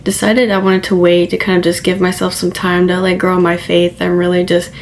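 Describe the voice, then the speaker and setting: A young woman in her twenties tells her story straight to camera in a loose, rambling way, filling gaps with "like." Her voice sits a little low for a woman. A faint low rumble runs underneath. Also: monotone, fairly quick. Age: 20s. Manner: casual, rambling, heavy use of "like". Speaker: vlogger. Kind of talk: sit-down testimony talk. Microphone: camera mic, seated.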